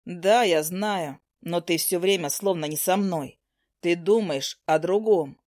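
A woman voicing an earnest young male healer who speaks slowly, softly and firmly, in a storybook reading. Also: lowish voice, no echo, clean studio sound, pitched below the performer's own voice, natural voice. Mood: earnest, questioning. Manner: slow, soft, persuasive.

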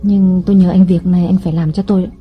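Storybook scheming wife voiced by a man: wheedling, coy, husky, lo-fi. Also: high-pitched, little pitch movement, quick pace, soft background music, voice pushed up. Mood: coaxing. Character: young scheming wife, coaxing and sly.

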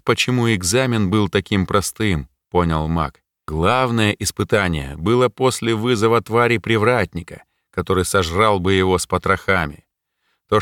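A man reading a fantasy audiobook in steady, measured scripted narration. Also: low voice, dry recording, studio quality.

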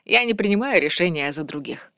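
A woman's voice: on the low side, expressive, fairly quick, a bit bright, no room sound, studio quality. A woman reading as a teasing, cocky young priest. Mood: gentle. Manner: teasing, boastful.

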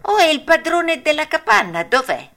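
A cheeky little wooden puppet boy with a high, bright voice, played by a woman reading a storybook. He scolds and mocks in a lively, sing-song way, and his words come out crisp and sharp. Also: measured pace, exaggerated voice. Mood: eager. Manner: scolding, mocking.

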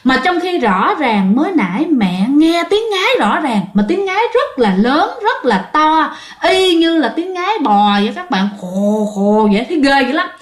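A woman's voice: high-pitched, very animated, moderate pace, echoey room. A woman with a Southern Vietnamese accent telling a ghost story in a chatty, casual way, often talking straight to her listeners.

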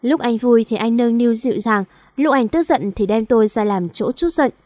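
A woman's voice: fairly high pitch, a little fast, dry recording, clean studio sound, close to an everyday voice. A woman voicing a stubborn, frightened young pregnant wife who speaks defiantly and tearfully, in a storybook reading. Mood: bitter.

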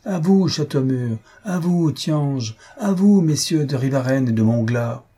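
A man's voice: mid-range voice, animated, measured pace, warm tone, slightly rough, pitched above the performer's own voice. A man voicing an old blind marquis in an audiobook, with a fervent, solemn way of raising toasts. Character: old blind male marquis, proud royalist host. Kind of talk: audiobook character voice.

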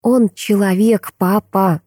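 Young woman, stubborn and caring daughter, soft and level, read by a woman narrator in a higher voice. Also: slow pace, husky, no room sound, clean studio sound. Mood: pleading. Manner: quiet, even, gently defiant.

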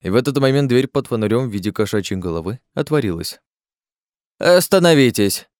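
A man with a low, grounded voice narrating a fantasy story in a measured, even way. The recording is close and dry, with no room sound. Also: no room sound. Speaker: audiobook narrator.

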